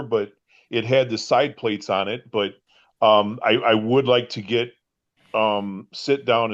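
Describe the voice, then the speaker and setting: Rambling man in his late fifties, lo-fi. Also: mid-range voice. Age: 50s. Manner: rambling, repeats "it's like" often. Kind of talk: casual chat.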